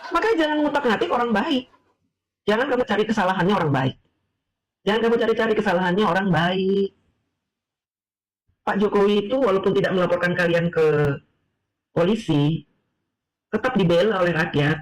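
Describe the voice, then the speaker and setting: A man with a high voice gives casual reaction commentary. He mocks and taunts, throwing out one rhetorical question after another. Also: steady tone, fairly quick, long pauses, poor audio. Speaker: reaction video host.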